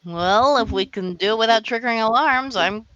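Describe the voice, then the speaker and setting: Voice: mid-range voice, normal speed, a bit bright, no echo, dull audio. A player in a tabletop game, planning the group's moves and joking around. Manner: giggly, playful, plans the party's moves. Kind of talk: casual tabletop game chat.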